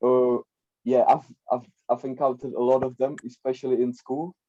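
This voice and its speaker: On a podcast, a young Czech guest who works as a life coach talks loosely and circles around, full of repeats and fillers like "like" and "right?". He speaks flatly at a moderate pace in a mid-range, dark voice, captured with dull lo-fi audio.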